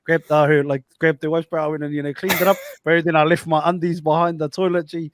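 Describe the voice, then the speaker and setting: A man's voice: a little high, flat delivery, quick pace, noisy background. A man with a broad New Zealand accent chatting casually with friends, loose and slangy, punctuating his story with bro, cuz and G.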